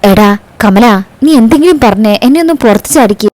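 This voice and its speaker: A woman's voice: a little high, expressive, normal speed, darkish tone, no echo, natural voice. A determined young man pleads with urgent resolve, as a woman reads his lines. The voice stays close to her own plain speech, dry and close to the mic. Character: determined young man, devoted father figure.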